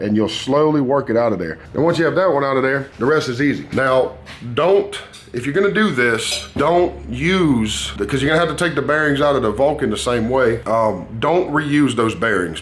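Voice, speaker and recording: A talkative man with a Southern US hillbilly drawl gives a casual, folksy, rambling hands-on tutorial in a workshop. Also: medium pitch. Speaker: motorcycle painter and builder presenting a how-to. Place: dingy workshop. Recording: noisy workshop ambience.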